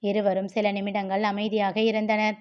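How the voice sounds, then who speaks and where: A woman reading a novel aloud as storyteller, narrating at a steady, even pace. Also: mid-range voice, normal speed, lo-fi sound.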